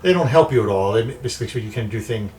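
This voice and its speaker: A man's voice: on the low side, expressive, very fast, a little mellow, low-quality recording. A man narrating as game master in a tabletop game, describing scenes loosely with many fillers. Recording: mic set back, faint music.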